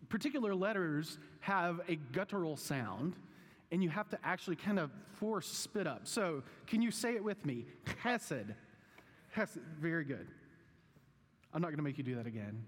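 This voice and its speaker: A man, perhaps thirties or forties, preaching as a pastor in a conversational teaching style, with measured, deliberate phrasing and questions to his listeners. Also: fairly high pitch. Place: large reverberant room, preaching live. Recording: long reverb of a hall.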